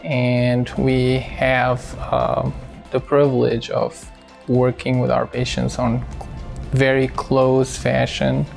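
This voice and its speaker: A man from Syria, a cardiologist speaking in a hospital profile interview, measured and halting with many fillers. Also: mid-range voice, completely flat delivery, creaky, a little mellow, soft background music.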